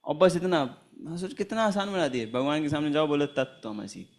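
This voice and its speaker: A man's voice: on the high side, expressive, a little fast. A man teaching a Gita class in a chatty, storytelling manner, laughing often and chanting Sanskrit verses. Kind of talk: informal scripture class with anecdotes.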